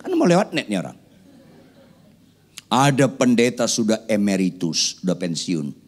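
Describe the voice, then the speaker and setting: A man's voice: on the low side, sing-song, measured pace. A man preaching a sermon, firing rhetorical questions at the congregation with playful joking asides. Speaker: pastor.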